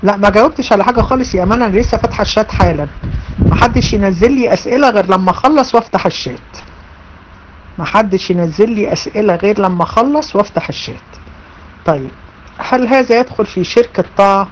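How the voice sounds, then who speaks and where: This Egyptian-accented woman talks fast in a mid-range voice as she teaches religion online, speaking emphatically, repeating her phrases, and addressing her students directly. The low-quality recording has a little hiss or hum.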